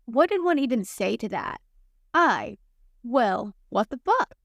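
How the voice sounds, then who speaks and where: A woman voicing a sharp, sarcastic young witch with a dry, teasing drawl. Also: on the high side, big pitch swings, slow pace, gravelly, no echo, full character voice. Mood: stunned.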